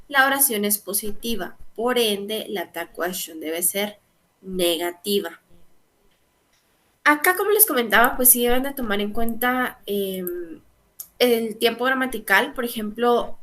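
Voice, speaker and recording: A woman's voice: mid-range voice, a bit bright. A young woman teaching an English grammar lesson, explaining patiently step by step and often checking in with her students.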